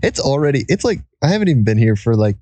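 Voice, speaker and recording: A man's voice: mid-range voice, sing-song, fast, warm tone, dry recording. A young man hosting a casual podcast while recording under a blanket, rambling and giggling as he talks. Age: young adult. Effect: muffled, recording under a blanket. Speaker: podcast host.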